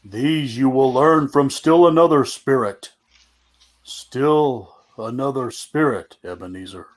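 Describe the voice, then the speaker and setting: A man's voice: mid-range voice, slow pace, lightly acted. A man voicing a grave, aging ghost with a portentous manner in a radio play reading. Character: solemn aging male Ghost of Christmas Present.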